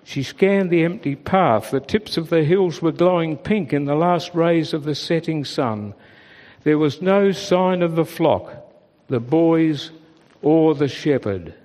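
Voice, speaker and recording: A male storyteller reads a children's story aloud in a gentle, expressive manner. His pace is unhurried, his pitch sits a little high, and a long reverb hangs behind every line.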